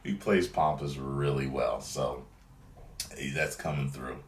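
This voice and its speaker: A man's voice: very deep voice, measured pace, reverberant. A man giving a casual, profane, rambling review of a movie trailer, acting out scenes as he goes. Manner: animated, rambling, acts out scenes in voices.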